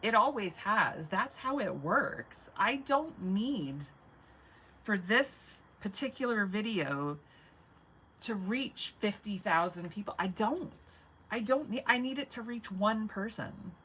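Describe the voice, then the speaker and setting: Animated rambling woman in her forties. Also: mid-range voice, slow, husky, poor audio. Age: 40s. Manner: chatty and animated, swears casually, laughs often. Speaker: vlogger. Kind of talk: rambling live-stream monologue.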